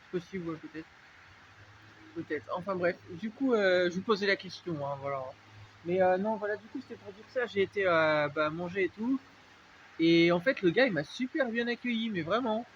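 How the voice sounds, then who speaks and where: A man from France with a French accent talks through a casual vlog, wandering from point to point with constant fillers. His voice sits high for a man. The audio is dull and lo-fi, with a faint hiss underneath. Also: normal speed, a bit bright. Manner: rambling, full of fillers and restarts. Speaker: vlogger. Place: dark unlit spot, vehicle noise around.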